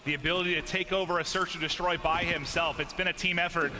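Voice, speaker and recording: A man's voice: on the high side, fairly even intonation, fast talker, background noise. A man commentating as an esports caster, calling play-by-play in emphatic, punchy short phrases.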